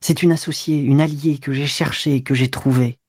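A woman's voice: a bass voice, steady tone, normal speed, a little mellow, slightly rough, dry recording, studio quality. A woman voicing a young man confessing to his lover, pleading and slipping into whispers.

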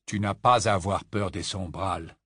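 A man voicing a calm, gentle but firm father in an audiobook reading. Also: fairly low pitch, normal speed, husky, no echo, studio quality. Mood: reassuring. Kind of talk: audiobook character voice.

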